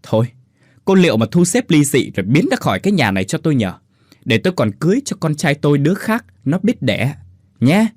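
A man voicing a cruel, arrogant older mother-in-law who scolds in a shrill voice. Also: sing-song, fairly quick, darkish tone, no echo, clean studio sound. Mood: venomous.

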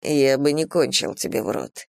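A woman doing a hushed, commanding lover man. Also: creaky, no room sound. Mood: teasing, commanding. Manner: low, slow and hushed, quietly in control. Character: commanding, teasing dominant man in an erotic romance.

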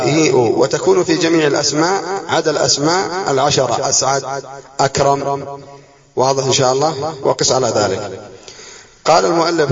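A man teaching an Arabic spelling lesson, reading from a text, explaining it and quizzing his students, repeating key words. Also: a little high. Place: classroom. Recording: distant dull classroom recording with students around.

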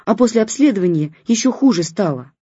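Brief: furious hysterical daughter, voiced by the narrator, husky tone, dry audiobook recording. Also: mid-range voice, expressive, fairly quick, warm tone, dry recording, lo-fi sound, voice pushed up. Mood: tragic. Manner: crying out in hysterics. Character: hysterical young woman, bitter and furious.

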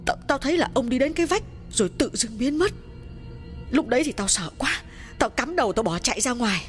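A woman voicing a frightened older village woman in an audiobook, speaking in a trembling, hushed and urgent way. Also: mid-range voice, expressive, moderate pace, soft background music, lightly acted. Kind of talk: audiobook dialogue reading.

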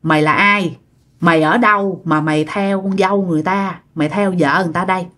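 A woman with a Southern Vietnamese accent voicing a stern old female exorcist who questions a spirit in a slow, commanding, scolding way. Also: on the low side, steady tone, fairly bright tone, close to an everyday voice.

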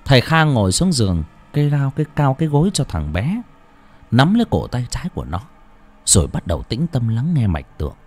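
A man narrating a story in a dramatic, expressive way. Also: medium pitch, brisk, slightly rough. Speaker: audiobook narrator.

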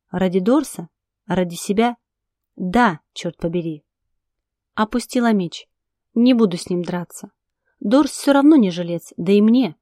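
A woman narrating a first-person novel as an audiobook, in an expressive, dramatic reading. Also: mid-range voice, dry recording, clean studio sound.

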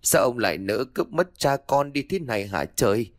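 A man voicing a young daughter who cries loudly and laments in self-pity in a storybook tale. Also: mid-range voice, expressive, normal speed, no echo, clean studio sound, pitched above the performer's own voice, close to an everyday voice. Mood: wailing. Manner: loud crying lament. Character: young daughter, fake sobbing, self-pitying.

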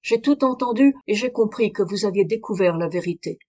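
A woman's voice: medium pitch, lively intonation, brisk, a little mellow, lightly acted. Woman reader doing a dignified foreign woman, foreign accent, firm, earnest. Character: proud exiled woman, dignified, confessing a crime.

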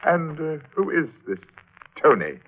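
An actor playing a suave, biting, domineering uncle in a 1940s radio drama, with a husky voice. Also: male voice, on the high side, very animated, a little slow. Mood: smug, biting. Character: sardonic, domineering uncle returned from long absence. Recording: tinny old radio recording.

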